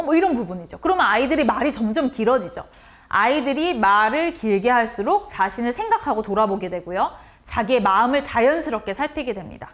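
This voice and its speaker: A woman lecturing teachers on how to talk with students, often acting out the lines of teacher and child. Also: fairly high pitch. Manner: lively, acts out teacher and child lines in a changed voice.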